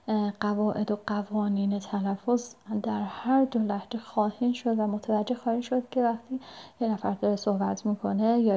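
A woman sharing advice as a language learner, speaking hesitantly with many pauses and fillers, in politely formal phrasing. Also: on the high side, mellow. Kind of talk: casual spoken advice. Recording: dull lo-fi recording.

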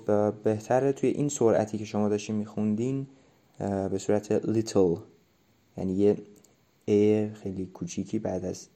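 A man coaching a student's English pronunciation, slow and patient, with frequent thinking pauses. His voice is very dark and mellow, sitting fairly low. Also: vocal fry. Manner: patient, explanatory, hesitant with many fillers. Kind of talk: spoken pronunciation feedback.

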